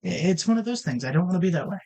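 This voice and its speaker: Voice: mid-range voice, lively intonation, rapid-fire, a little mellow, rough recording. A gaming channel host giving casual gameplay commentary, rambling and correcting himself as he thinks aloud at a desk mic.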